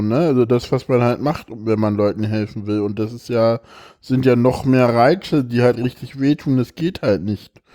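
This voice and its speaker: Man, podcast host, tired, halting with fillers, warm mellow tone. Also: medium pitch. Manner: halting, many fillers, reads a text aloud with feeling. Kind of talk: casual podcast chat and reading aloud.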